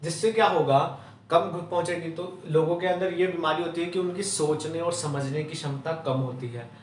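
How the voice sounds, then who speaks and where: A man's voice: fairly high pitch, fairly even intonation, normal speed, a little hiss or hum. A male chemistry teacher from Rajasthan, giving a classroom lecture, asking rhetorical questions and answering them himself, ending almost every point with "theek hai". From Rajasthan, India. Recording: roomy echo, mic at a distance.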